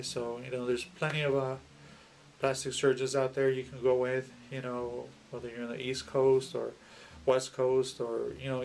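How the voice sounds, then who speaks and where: Man with creaky voice, halting casual talk. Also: mid-range voice, a little hiss or hum. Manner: halting, rambling, with many pauses and self-repeats. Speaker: video blogger. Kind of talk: casual personal vlog talk to camera.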